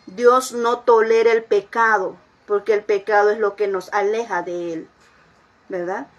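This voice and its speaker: A woman's voice: mid-range voice, fairly even intonation, measured pace, dull audio. A woman pastor preaching a sermon in an earnest way, often repeating phrases and asking her listeners questions.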